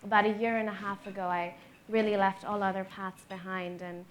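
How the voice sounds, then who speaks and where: A young woman from Pakistan speaks as a guest on a panel stage. Her voice sits at an ordinary middle pitch, and she talks in an earnest, measured way with plenty of soft fillers. A faint hum of room noise sits beneath her. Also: little pitch movement.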